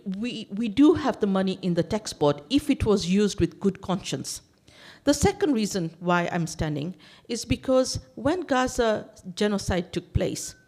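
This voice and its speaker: A woman raised in Tanzania, speaking as an election candidate to a room of elders. Her speech is forceful and insistent, and she builds long lists and repeats words to drive each point home. Her voice sits at an ordinary middle pitch. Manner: emphatic, piles up lists and repeats words when stressing a point. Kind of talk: campaign speech to a seniors' gathering. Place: community main hall.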